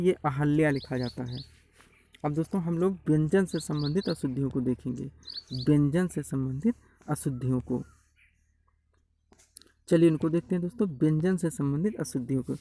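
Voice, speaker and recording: A man's voice: fairly high pitch, dark tone, dry recording, low-quality recording. Man lecturing on Hindi spelling. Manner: repeats corrections, addresses viewers as friends. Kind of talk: online exam-prep lecture.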